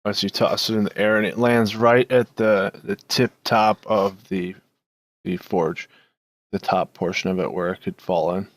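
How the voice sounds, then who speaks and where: A man narrating as dungeon master of a tabletop game, halting with many fillers as he describes the action. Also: fairly low pitch, steady tone, no echo.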